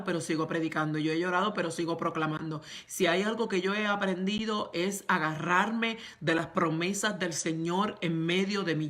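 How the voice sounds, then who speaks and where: Lady pastor preaching, kinda low and gravelly, repeats herself for emphasis, throws in english words. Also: a bit bright. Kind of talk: sermon. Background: congregation setting, speaking to women.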